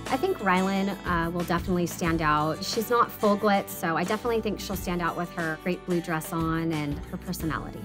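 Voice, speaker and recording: Matter-of-fact lower-voiced woman. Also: brisk, few pauses, music in the background.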